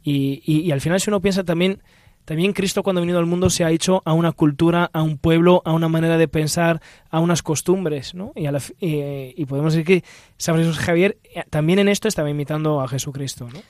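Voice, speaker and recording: A man's voice: a little high, fast, a little mellow, no room sound, clean studio sound. A man from Italy speaking Spanish, a religious guest on radio, thinking aloud and searching for his words.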